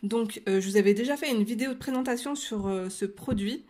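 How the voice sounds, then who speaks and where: A woman casually explaining a coloring technique step by step, talking to her viewers with frequent hesitant filler pauses and chatty asides. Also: on the high side, warm tone. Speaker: coloring tutorial creator.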